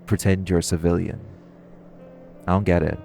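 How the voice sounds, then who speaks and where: This intimate audio roleplay features a man as a flirty supervillain, his low, darkish voice kept at a level tone. He teases the listener with cocky curiosity, speaking casually and pausing playfully, while music plays clearly behind him.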